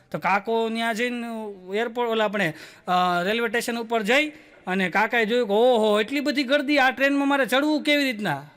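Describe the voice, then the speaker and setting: A man telling stand-up jokes, acting out the dialogue in quick voices. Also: very high voice, a bit bright. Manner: storytelling with quick voiced dialogue, "બોલો" tags. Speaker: stand-up comedian.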